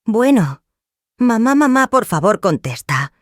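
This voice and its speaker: Woman voicing a desperate grown son, pleading, near tears, raised pitch, dry sound. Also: expressive, a little slow, no room sound.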